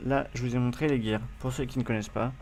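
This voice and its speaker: A man's voice: mid-range voice, fairly even intonation, fast talker, a little mellow. A man with a French accent hosting a game tutorial, speaking casually with many fillers and hesitations as he addresses viewers. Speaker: gaming tutorial host.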